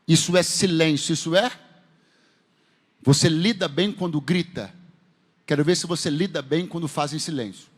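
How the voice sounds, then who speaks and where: Brazilian preacher, high voice, fervent call-and-response sermon, long church echo. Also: male voice, moderate pace, pauses often. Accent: Brazilian Portuguese. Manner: fervent preaching with rhetorical questions to the congregation. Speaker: pastor. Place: church sanctuary. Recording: long hall reverb in a church.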